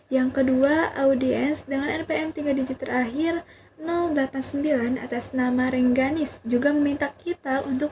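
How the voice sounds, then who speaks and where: A young woman with a high voice moderates a student presentation, speaking in a polite, formal way. A faint noise sits under her voice. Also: darkish tone. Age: young adult. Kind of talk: moderating a class discussion.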